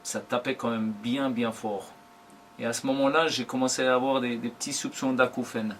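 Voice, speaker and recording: A man in his forties, a professional drummer, giving unhurried, thoughtful interview answers in short broken phrases. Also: mid-range voice, fairly even intonation, a bit bright, a little hiss or hum. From Germany.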